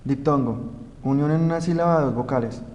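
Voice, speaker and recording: A young man from Colombia, a student reading a grammar lesson aloud in a slow, careful way. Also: on the high side, darkish tone, muffled recording. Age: young adult. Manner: slow, careful reading of rules and example words. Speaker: student presenter. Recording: roomy reverb, faint background noise.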